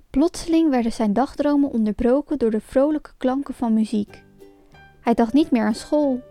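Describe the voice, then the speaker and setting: A woman narrating a children's storybook gently and expressively. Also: high voice.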